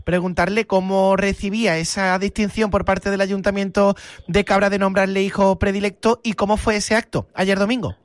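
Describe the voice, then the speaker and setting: Radio host man, high-pitched voice, formal announcer delivery. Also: level tone, moderate pace, no echo, studio quality. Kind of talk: radio interview.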